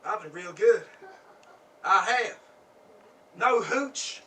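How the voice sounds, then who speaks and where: An actor playing a swaggering, jealous drifter who teases with mocking laughs, recorded from a distance in a stage drama. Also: male voice, sits high, animated, drawn-out words, sharp tone, exaggerated voice. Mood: teasing. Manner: mocking, cocky drawl with laughs.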